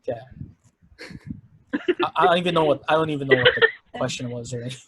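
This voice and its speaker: Husky-voiced man in his twenties. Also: mid-range voice, fast, a bit bright, rough recording. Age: 20s. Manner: rambling, self-correcting, joking. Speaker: co-host. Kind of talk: casual podcast chat.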